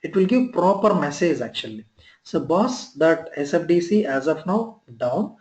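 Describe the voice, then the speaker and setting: A man teaching a live online training session, heard through a screen recording of the call, talking in halting, repeated phrases and often checking if the class follows. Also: on the high side, big pitch swings, a little mellow, echoey room. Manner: halting, repeats himself, often checks "you are clear?". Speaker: software trainer.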